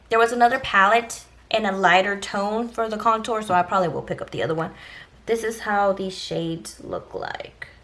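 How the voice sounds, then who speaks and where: A woman's voice: medium pitch, a bit bright. A woman talking casually and directly to viewers as a beauty vlogger, giving an informal shopping haul review.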